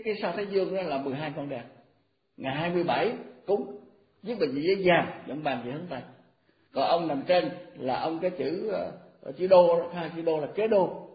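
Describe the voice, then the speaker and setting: A man in his eighties, a Buddhist monk, giving an informal, folksy dharma talk and rattling off memorized verse formulas. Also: a little high. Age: 80s. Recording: echoey, muffled recording.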